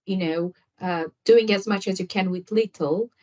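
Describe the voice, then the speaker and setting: A woman's voice: mid-range voice, moderate pace, darkish tone. A woman guest on a nursing podcast whose first language is Portuguese, answering at length with many fillers and restarts. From Angola. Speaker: nurse guest. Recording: slightly dull lo-fi audio.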